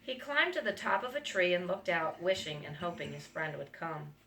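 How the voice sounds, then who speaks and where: Her voice fairly low in pitch and gravelly, at normal speed, a woman on the school staff reads a picture book to young students. She stays gentle and pauses often for friendly remarks aimed at the young listeners. Recorded far from the mic in an echoey room, with faint noise.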